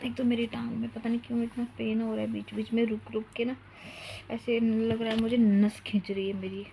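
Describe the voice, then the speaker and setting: Chatty woman vlogging with slight fry. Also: on the high side, flat delivery, a little fast, dark tone, a little hiss or hum. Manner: chatty, rambling, breaks off to coax her toddler. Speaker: mom vlogger. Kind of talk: casual storytelling vlog. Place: home.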